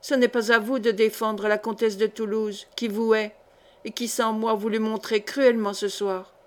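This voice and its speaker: A woman's voice: on the high side, little pitch movement, moderate pace, lightly acted. Female reader voicing a bitter middle-aged nobleman bent on revenge, grave delivery, storybook. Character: embittered vengeful nobleman, middle-aged man. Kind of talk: audiobook character reading.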